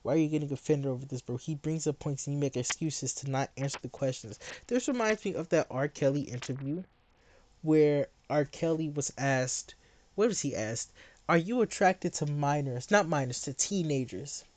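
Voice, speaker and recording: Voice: mid-range voice, lively intonation, normal speed, darkish tone. A livestreamer ranting late at night in a heated, sarcastic way, mocking someone in chat.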